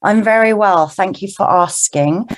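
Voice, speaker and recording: A woman's voice: medium pitch, a little slow. A woman hosting a radio interview, asking questions in a friendly, polite way. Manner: friendly, asks questions with "please". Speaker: radio show host.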